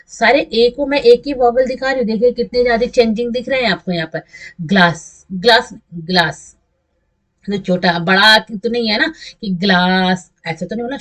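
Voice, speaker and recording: Patient woman teaching pronunciation. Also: mid-range voice. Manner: patient, repeats and stretches example words. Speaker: English teacher. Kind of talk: classroom lesson over slides.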